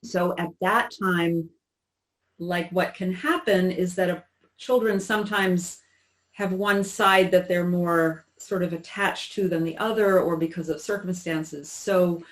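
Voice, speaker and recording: A woman in her sixties recalling her childhood in an interview, talking in a halting, reflective way with many restarts. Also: on the low side, steady tone, poor audio. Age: 60s. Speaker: interview guest. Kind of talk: personal recollection in conversation.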